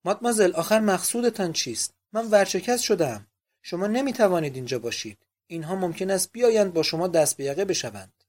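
A man's voice: a little high, dark tone, close to an everyday voice. A man doing a fretful, wheedling landlady. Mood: alarmed. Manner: pleading, coaxing tone. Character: fussy middle-aged woman landlady, anxious and wheedling. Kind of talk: audiobook character reading.

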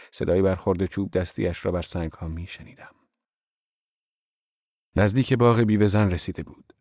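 A man narrating an audiobook in a measured, even storytelling manner. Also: deep voice, dry recording, clean studio sound.

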